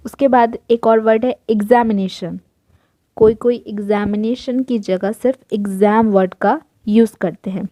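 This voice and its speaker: A woman teaches at an unhurried pace, walking through examples one by one. Her voice sits a little high but sounds mellow and warm. She explains patiently, like a classroom lesson. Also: fairly even intonation. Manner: methodical, lists examples one by one. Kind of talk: explanatory lesson in Hindi-English mix.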